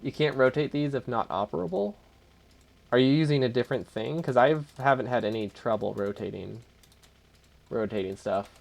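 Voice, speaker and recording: Gravelly-voiced man streaming a game. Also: medium pitch, normal speed. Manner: thinks aloud, chuckles often, easily amused. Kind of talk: live gameplay commentary, answering chat.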